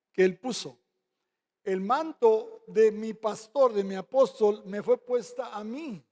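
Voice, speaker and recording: A man preaching a sermon with a Mexican Spanish accent, telling stories and acting out dialogue with quick asides. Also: high-pitched, dark tone. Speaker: pastor. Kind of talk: sermon with storytelling. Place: church sanctuary. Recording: long hall reverb.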